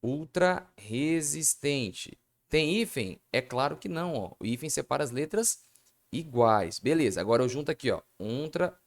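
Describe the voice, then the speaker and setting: A man's voice: medium pitch, big pitch swings, normal speed. A man with a Brazilian Portuguese accent teaching a video lesson that goes through exam questions. He chats with the viewers and keeps asking himself questions, then answering them. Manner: chatty, addresses viewers as "gente".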